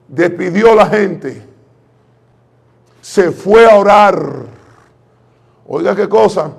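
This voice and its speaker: A man preaching a sermon to his congregation, fervent and calling them brothers, swinging from hushed to loud. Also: sits high, animated, takes it slowly, creaky, slightly rough. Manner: addresses the congregation directly as brothers.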